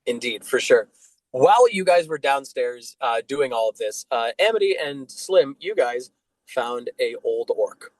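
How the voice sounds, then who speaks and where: A man narrating as dungeon master in a tabletop game, relaxed and loose with many fillers. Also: mid-range voice, a little slow, no room sound, rough recording.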